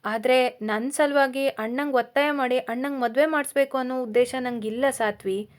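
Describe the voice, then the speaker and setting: A woman voicing a gentle, upset younger sister who speaks softly and apologetically in a storybook reading. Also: high-pitched, steady tone, normal speed, lightly acted.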